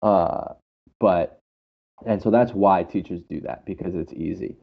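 Speaking low and unhurried with some vocal fry, this man teaches English in a relaxed, eager way, telling anecdotes and repeating phrases to drive points home. The sound is muffled and lo-fi.

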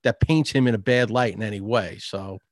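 A man's voice: lowish voice, fairly quick, no room sound, clean studio sound. A man from New York co-hosting a podcast, chatting casually, blunt and swearing freely. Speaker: podcast co-host. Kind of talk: casual chat.

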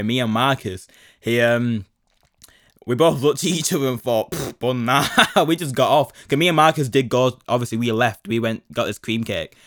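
On his podcast, a young man tells a meandering story alone, full of slang and fillers like "do you know what I mean," in a medium-pitched, fairly bright voice. The recording is clean studio audio without echo.

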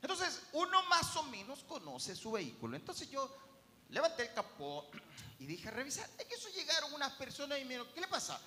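Guy preaching in a church, bright voice, big hall echo. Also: very high-pitched, a little fast, a little hiss or hum. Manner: animated storytelling, acts out quoted voices. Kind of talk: sermon.

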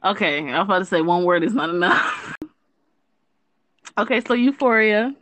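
A young woman co-hosting a podcast, telling stories in casual chat with an expressive, giggly manner. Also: medium pitch, moderate pace, no echo, poor audio. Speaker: podcast co-host.

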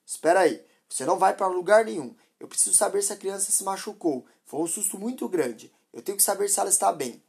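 A woman's voice: medium pitch, lively intonation, fast talker, gravelly, hardly any pauses, a little mellow, slightly rough, pitched above the performer's own voice, exaggerated voice. A woman voicing a concerned, insistent man who keeps questioning. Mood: worried. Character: concerned grown man, a passing driver.

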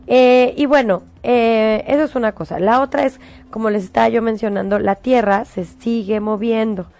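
A middle-aged Mexican woman, a show host, giving spiritual advice in a coaxing, animated way. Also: on the high side, normal speed, creaky. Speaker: host giving angel predictions.

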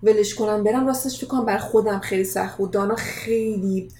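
A woman hosting a casual interview, talking in a lively way and dropping English words into her speech. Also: mid-range voice. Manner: animated, mixes English words into Persian. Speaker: podcast host. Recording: roomy echo, faint noise.

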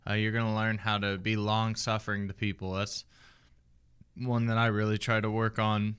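A man co-hosting a podcast, talking in a halting way with many restarts. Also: on the low side, little pitch movement, fairly bright tone, clear, resonant tone. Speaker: podcast co-host. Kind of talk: casual chat.

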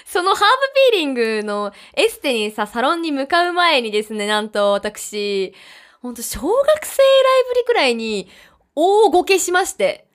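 A woman's voice: high voice, big pitch swings, moderate pace. A woman from Hokkaido co-hosting a casual podcast chat, telling stories with playful sound effects and frequent laughter. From Hokkaido, Japan. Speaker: podcast co-host.

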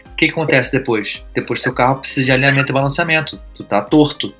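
A man's voice: medium pitch, fast talker, bright, forceful tone, faint music behind. A man, co-hosting a podcast, supportive and explaining things with everyday comparisons. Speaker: podcast co-host. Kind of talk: casual podcast chat.

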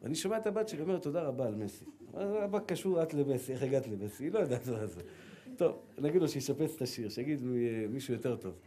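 A middle-aged rabbi from Israel giving a sermon, telling stories with lively acted-out dialogue and repeated words. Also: male voice, medium pitch. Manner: animated storytelling, acts out dialogue and repeats words.

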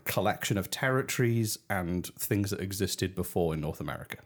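A man's voice: low voice, lively intonation, brisk. A British man hosting a casual podcast, joking and laughing often, with frequent restarts. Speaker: podcast host.

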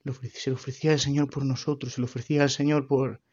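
Man, husky voice, halting earnest testimony, muffled lo-fi sound. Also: mid-range voice, flat delivery, darkish tone. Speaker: grieving son giving testimony. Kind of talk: personal faith testimony.

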